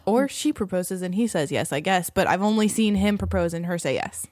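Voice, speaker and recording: A woman's voice: on the low side, animated, brisk, a little mellow, no room sound, studio quality. A woman co-hosting a casual chat, telling things informally with plenty of "like" and "literally". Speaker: podcast co-host.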